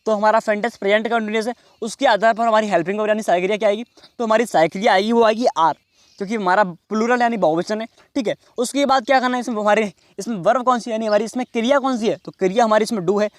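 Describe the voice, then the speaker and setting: ऊँची आवाज़ वाला हिंदी अंग्रेज़ी शिक्षक. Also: male voice, sits high, no room sound. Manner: explains slowly, repeats phrases, says "okay" and "next". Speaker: English teacher. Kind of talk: classroom lesson.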